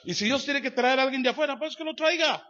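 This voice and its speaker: A man preaching a sermon as pastor, emphatic and repetitive, swinging between loud declarations and quiet asides, speaking straight to the congregation with rhetorical questions. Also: extremely high pitch, fast talker. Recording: dull lo-fi church sermon recording.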